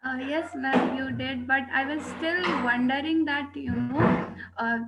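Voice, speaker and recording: A woman asking a question in a webinar, speaking hesitantly and often pausing to find her words. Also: high-pitched, steady tone, loud music behind the voice, low-quality recording. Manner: hesitant, many "you know" fillers. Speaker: audience questioner.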